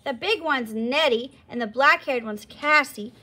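A woman's voice: high-pitched, a little slow, pushed and bright, heavily acted. A woman reading aloud and voicing a friendly, chatty schoolgirl who talks in a welcoming way.

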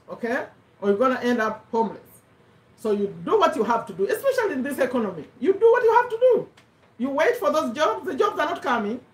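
A middle-aged woman from Uganda, English not her first language, giving an animated motivational talk and repeating her points for emphasis. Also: a little high, recorded from a distance. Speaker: host of a live business talk. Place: home room with a bookshelf, indoors. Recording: echoey room, voice a little off-mic.

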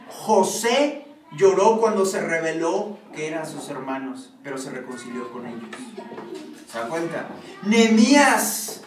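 Pastor preaching in an echoey hall. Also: male voice, fairly high pitch. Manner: asks the congregation frequent questions. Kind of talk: sermon. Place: church hall. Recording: echoey room from far off, noisy.

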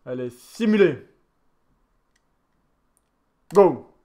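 High-voiced tired gamer. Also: male voice, drawn-out words. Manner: excitable, shouts at the referee and players. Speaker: gaming YouTuber. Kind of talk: casual game commentary.

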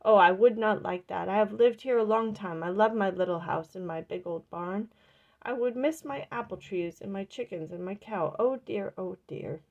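A fussy, easily flustered old farm woman who calls out her mild oaths loudly, as a woman reading a storybook puts her on. The voice has a gravelly, creaky grain and sits at a middling pitch. It feels like a picture book being read aloud. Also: moderate pace, lo-fi sound, natural voice. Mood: fretful.

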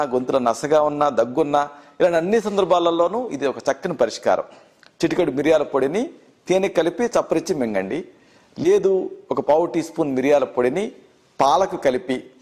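A middle-aged man with a Telugu accent, an Ayurveda doctor calmly explaining home remedies step by step. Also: a little high. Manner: measured, listing remedies in steady repeated phrases. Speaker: Ayurveda doctor presenting health tips. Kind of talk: instructional health talk.

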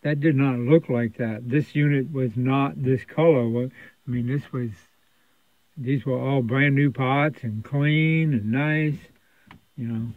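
Casual and unscripted, a man talks through a repair at the workbench as a radio repair technician presenting a video from an indoor electronics workshop. His explanations ramble conversationally, in a medium-pitched voice with fairly even intonation at a slow pace. The recording is dry and sounds thin, like a phone.

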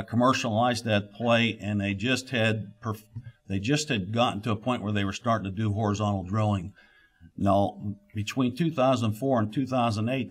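A middle-aged man, an exploration geologist, giving a conference keynote at a podium, speaking in a halting way with many "uh" fillers and restarts. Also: on the low side. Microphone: podium microphone.

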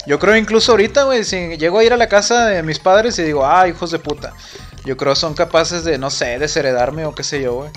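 A young man with a Mexican accent talks loosely while he streams a game. His voice sits a little high, and he rambles with plenty of swearing and "güey" in nearly every line. Faint game music plays underneath. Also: quick pace, few pauses. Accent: Mexican Spanish. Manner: rambling, profane, says "güey" constantly. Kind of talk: casual chat while gaming on a live stream.

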